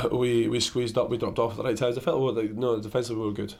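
A man, a caretaker player-manager with a croaky voice, answering post-match questions in a halting way, often repeating words. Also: medium pitch, steady tone, a little hiss or hum.

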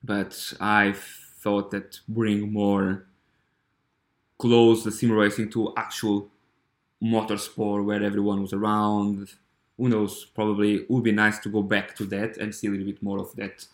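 A man's voice: lowish voice, flat delivery. Hesitant Portuguese-accented man, echoey room. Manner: hesitant, halting, with many fillers and restarts. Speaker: podcast host. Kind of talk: casual monologue.

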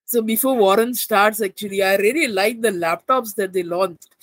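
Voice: mid-range voice, normal speed, a bit bright, no echo. Explanatory voice on a tech podcast. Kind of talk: casual tech podcast chat.

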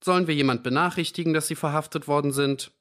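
A man's voice: on the high side, fairly even intonation, fast talker, fairly bright tone, pitched above the performer's own voice, close to an everyday voice. A man doing a sarcastic desk sergeant. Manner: dry, sarcastic. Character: irritable, ironic desk sergeant.

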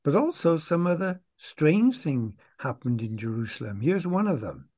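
A man's voice: fairly high pitch, sing-song, normal speed, dark tone. A man co-hosting a conversational Bible discussion, guiding the talk and leading into the readings. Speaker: Bible study co-host.

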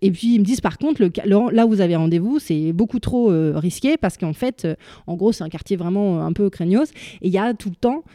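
A woman telling a personal story in a casual, chatty way, halting often and using plenty of fillers and slang. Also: medium pitch, expressive, dark tone, dry recording, studio quality. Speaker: storyteller guest.

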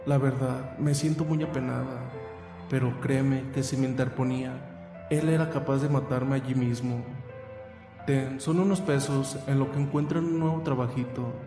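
A man's voice: mid-range voice, fairly even intonation, moderate pace, reverberant, big-room sound, natural voice. A man voicing an ashamed, apologetic older woman who speaks earnestly over background music. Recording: music playing under the voice.

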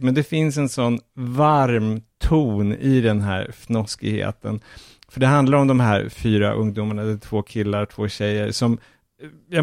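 A man's voice: medium pitch, creaky, dry recording, clean studio sound. A man hosting a casual chat and recommending a comedy series, chuckling as he talks. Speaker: podcast host reviewing films and series.

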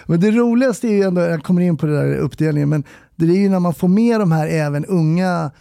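Gravelly, chatty Swedish-speaking older man. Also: a little high, dark tone, no echo, studio quality. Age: 50s. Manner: chatty, rambling, laughs often. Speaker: comedian and podcast guest, former police officer. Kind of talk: casual podcast chat.

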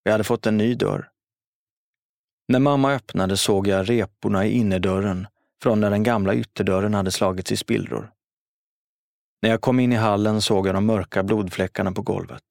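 A man reading a first-person story aloud in a steady, solemn manner. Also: lowish voice, vocal fry, no room sound, clean studio sound. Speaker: narrator.

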